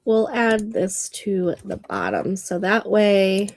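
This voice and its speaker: Sounding stuffy and nasal, this thirtysomething woman runs a laid-back livestream where she chats, laughs a lot and reads viewers' comments out loud. Her mid-range voice moves in a sing-song way at a slow pace.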